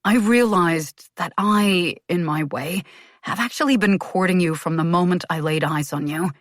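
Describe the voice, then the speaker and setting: A woman voicing a calm, tender male suitor who murmurs softly. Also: fairly low pitch, normal speed, no room sound, clean studio sound, natural voice. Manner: soft, murmuring. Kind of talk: audiobook character voice.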